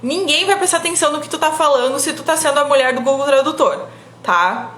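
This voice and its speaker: A woman's voice: high-pitched, fast talker, a bit bright, echoey room, slight background noise. A young woman from giving casual public speaking advice on a live stream, chatty and full of "tá?" tag questions. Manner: chatty, frequent "tá?" tag questions, laughs often.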